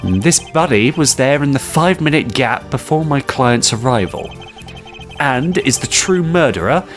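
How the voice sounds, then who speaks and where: A man plays a confident young defense lawyer in a courtroom video game, laying out his points with slow, deliberate emphasis. His pitch moves freely. Faint music sits in the background. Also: animated, close to an everyday voice. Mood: assertive.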